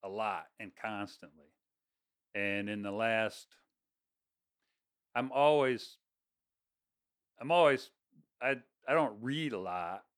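In a laid-back interview, the guest, a construction and plant project worker, wanders through talk of his work with many restarts and quick laughs. His lowish voice is a bit bright, his pace slow, and he pauses often.

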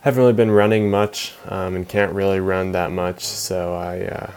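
Brief: male podcast host, very low flat voice, hesitant and filler-heavy. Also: normal speed, soft background music. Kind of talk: casual podcast talk.

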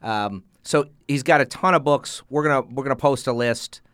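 A man's voice: mid-range voice, moderate pace, fairly bright tone, clear, resonant tone, dry recording, clean studio sound. A man hosting a podcast, chatting casually and enthusiastically about comics and board games. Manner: enthusiastic, informal. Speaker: podcast host.

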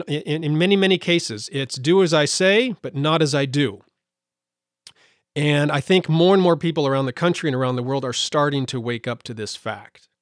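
Recorded dry with clean studio sound, a US podcast host with a somewhat high, slightly worn voice delivers solo commentary. His tone is indignant, and he uses lots of fillers and restarts.

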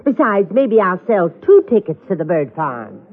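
A woman's voice: medium pitch, sing-song, moderate pace, music in the background. An actress playing a chatty, motherly woman selling sightseeing tickets, folksy and coaxing, in 1930s film dialogue. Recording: tinny old film soundtrack.

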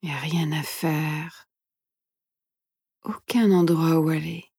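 A woman leads a guided meditation very slowly in a soothing, breathy near-whisper. Her tone is mellow and rather low, with soft pauses between phrases. The sound is close and dry. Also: fairly even intonation, dry recording. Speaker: meditation instructor and podcast host.

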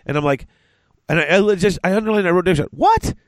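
Male podcast host, stuffy from a cold, halting and rambling, dry recording. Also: high-pitched, dry recording. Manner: rambling, halting, many restarts. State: congested from a cold. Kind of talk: casual podcast chat.

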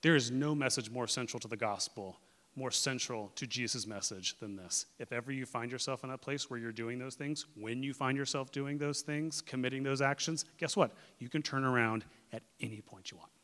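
Earnest man preaching with bright voice. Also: mid-range voice, fairly quick, in a large hall. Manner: conversational, earnest, swings between loud and hushed. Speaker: pastor. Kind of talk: sermon.

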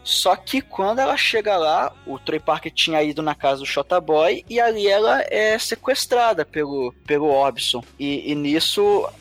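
High-voiced Brazilian man summarizing a plot. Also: normal speed, hardly any pauses. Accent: Brazilian Portuguese. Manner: rambling, animated plot summary with slang. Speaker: podcast co-host. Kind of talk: casual movie recap chat.

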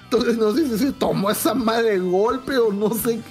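A woman's voice: fairly high pitch, moderate pace, faint music behind. A woman with a Mexican accent, a podcast guest telling slangy, profane stories in casual chat and acting out the dialogue. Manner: slangy, profane, animated anecdotes with quoted dialogue.

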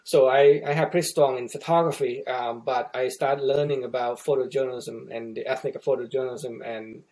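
Thai-born man telling stories haltingly. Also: medium pitch, fairly even intonation, darkish tone, rough recording. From Thailand. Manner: halting, many restarts and fillers. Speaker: guest photographer. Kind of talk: casual interview storytelling.

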